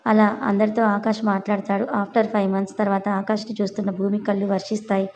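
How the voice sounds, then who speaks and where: Mellow-voiced woman narrating a story. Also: medium pitch, flat delivery, fairly quick, muffled recording. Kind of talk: scripted serial story narration.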